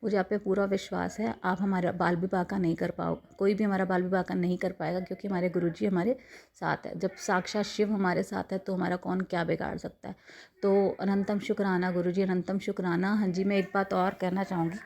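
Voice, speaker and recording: A woman's voice: fairly low pitch, little pitch movement, a little fast, gravelly, darkish tone, slight background noise. A woman, likely in her thirties, earnestly telling a rambling personal devotional testimony with frequent restarts.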